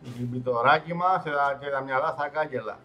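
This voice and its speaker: A man streaming a game live, commenting casually as he plays and swinging from loud outbursts to low mutters. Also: highs cut off, soft background music.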